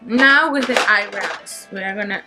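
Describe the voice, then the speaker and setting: A woman's voice: mid-range voice, normal speed, over music, rough recording. A tipsy woman with a Spanish accent hosts a casual makeup tutorial, rambling in a giggly drunk way. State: tipsy from shots.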